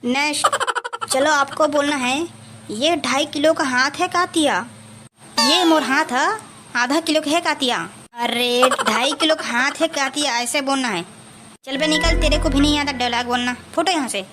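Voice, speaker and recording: A woman's voice: high-pitched, moderate pace, music in the background, natural voice. A woman with a Chhattisgarhi accent playing a bossy, short-tempered male city cameraman in a village comedy skit. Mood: scolding. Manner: scolding, impatient, mixes Hindi with village speech.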